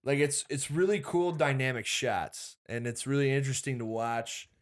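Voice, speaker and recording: A man's voice: medium pitch, moderate pace. A young man from Michigan co-hosting a podcast in casual, enthusiastic chat, swearing freely. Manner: loose, swears a lot, enthusiastic. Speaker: podcast co-host.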